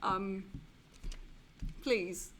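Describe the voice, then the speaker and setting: A woman's voice: mid-range voice, drawn-out words, a bit bright, a little hiss or hum. A woman hosting a quiz on a game live stream, dry and teasing in casual chat.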